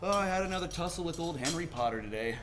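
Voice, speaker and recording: An actor playing a weary, kindly older small-town father in a 1940s radio play, speaking gently and haltingly. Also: fairly high pitch, lively intonation, background noise, close to an everyday voice.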